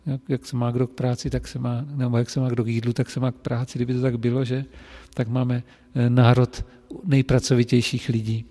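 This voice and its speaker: Mellow-voiced male hairdresser telling stories. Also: mid-range voice, long reverb tail. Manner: animated and lively when telling anecdotes, with frequent fillers. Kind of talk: casual personal storytelling.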